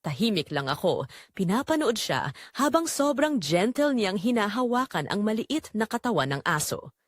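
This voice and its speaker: A woman narrator with a Filipino accent takes on the part of a tender young call center agent, recounting her love story in a scripted first-person romance with heartfelt wistfulness. Her mid-range voice is very animated and moves at a moderate pace. The sound is clean studio audio with no room sound.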